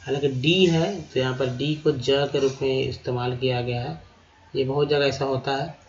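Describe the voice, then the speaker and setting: A man teaching English vocabulary in a slow lesson, sounding out each word syllable by syllable and repeating it. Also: mid-range voice, steady tone, muffled recording. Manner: repeats words syllable by syllable, addresses viewers as friends.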